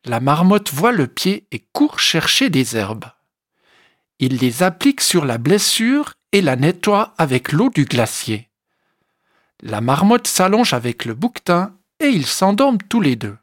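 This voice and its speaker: A storyteller reading a children's animal story aloud in a slow, expressive way. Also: mid-range voice, no echo, studio quality. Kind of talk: scripted children's story narration.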